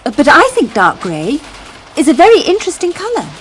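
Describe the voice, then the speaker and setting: A woman's voice: high voice, wildly swooping pitch, very slow, fairly bright tone, slight background noise, heavily acted. A woman acting in a scripted course dialogue, tactful and carefully polite.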